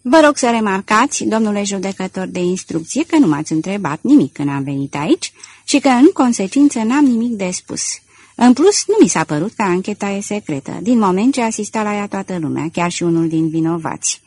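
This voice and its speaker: A woman reading an audiobook, voicing a calm, courteous young male student with a husky voice. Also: mid-range voice, no room sound. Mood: polite. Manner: calm, courteous, quietly amused. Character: bright young male student, politely cheeky and unflappable.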